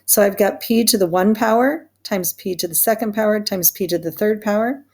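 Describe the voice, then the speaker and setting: A woman walks through a math worksheet in a relaxed teaching voice with a creaky, gravelly edge. She is chatty and self-deprecating, joking about her own mistakes as she explains each step. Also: medium pitch, brisk. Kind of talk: recorded worksheet walkthrough lesson.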